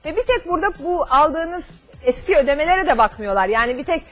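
Female call-in host, middle-aged, high voice, studio sound, explains step by step with customer service courtesy. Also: expressive, fairly quick. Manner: explanatory, with everyday examples and lists. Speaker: TV host giving financial advice to callers. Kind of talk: live call-in advice show, explaining conversationally. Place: TV studio at a desk. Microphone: lapel mic.

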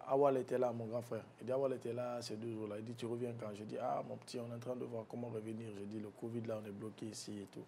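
Haltingly and softly, a male guest shares a painful family story with an interviewer, often beginning his sentences over. His voice goes low as he recalls the grief, while a faint rumble sits under the audio.

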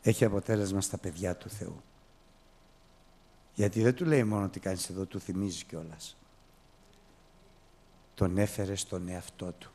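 A man preaching a sermon, telling the story with lively, acted-out storytelling. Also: on the low side. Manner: animated storytelling, acting out biblical characters with raised, excited voice.

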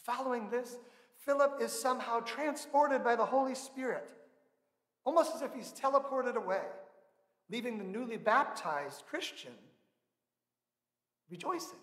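Man, 30s, pastor, sermon, high-pitched, earnest and measured, roomy church reverb. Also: animated, fairly bright tone. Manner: measured, earnest preaching with slow emphatic stresses. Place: large church sanctuary, indoors. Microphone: pulpit microphone. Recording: echoey church with long reverb.

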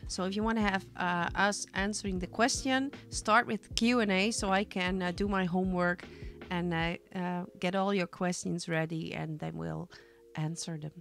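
A woman co-hosting a casual reaction video with her son, chatty and earnest, often pausing on fillers. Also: on the low side, fairly even intonation, creaky, a bit bright, faint music behind. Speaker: co-host, the host's mother.

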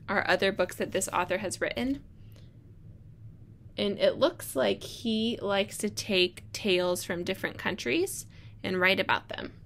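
A woman's voice: medium pitch, a bit bright. A young adult woman, a teacher, explaining and reading a picture book aloud to children in a small room. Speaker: elementary school teacher. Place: small indoor room with block walls. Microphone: device microphone at arm's length. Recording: clear room noise, device microphone.

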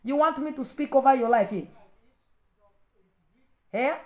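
A woman's voice: high-pitched, measured pace, warm tone, reverberant. A young adult woman preacher on a livestream, fiercely rebuking commenters in heated, repetitive bursts. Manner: fiery, scolding, rebuking; repeats and stumbles in heated bursts. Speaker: preacher and ministry leader.

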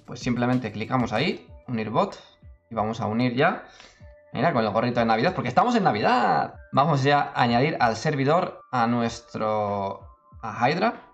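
Chatty man with faint music. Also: mid-range voice. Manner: chatty, self-interrupting, many "¿vale?". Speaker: tutorial youtuber. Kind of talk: casual screen-recorded tutorial.

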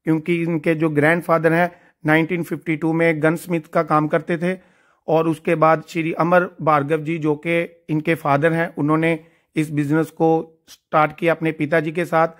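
A man's voice: fairly high pitch, little pitch movement, moderate pace. A man narrating a casual vlog while touring a large factory floor, talking eagerly to his viewers. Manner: enthusiastic, addresses viewers as friends. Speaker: gun shop vlogger touring a factory.

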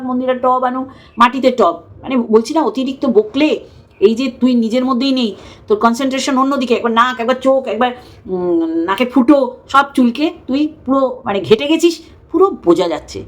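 A woman's voice: sits high, normal speed. A woman giving a scornful, mocking commentary rant in a casual tone. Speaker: YouTube commentator.

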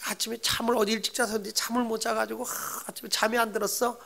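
A tired, grumbling wife complaining to her husband, voiced by a male pastor in his sermon. The delivery is quiet and low-key, with a middle pitch. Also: level tone, fast, gravelly, full character voice.

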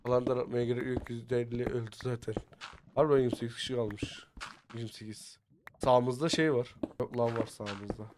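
A man chatting with teammates over voice chat while playing a survival game, slangy and excitable, sometimes muttering quietly and sometimes breaking into shouts. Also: medium pitch, normal speed, background noise. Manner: excitable, slangy, bursts into shouting when attacked; often mutters quiet asides. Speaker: gaming YouTuber. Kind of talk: casual gameplay chat with teammates.

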